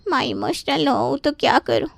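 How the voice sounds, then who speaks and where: A woman's voice: high voice, expressive, moderate pace, a bit bright, clear, resonant tone, no echo. A woman voicing a scheming young married woman in a cartoon story, taunting and falsely innocent. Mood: whining. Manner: sly, taunting, fake-innocent whining. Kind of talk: Hindi cartoon voice acting.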